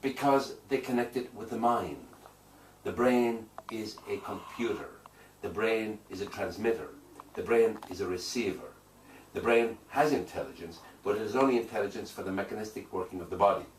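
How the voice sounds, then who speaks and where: A man's voice: lowish voice, normal speed. Emphatic hypnotherapist man, echoey and distant. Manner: emphatic, declarative, repeats phrases for weight. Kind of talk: interview answers. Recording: echoey room, distant mic, faint noise.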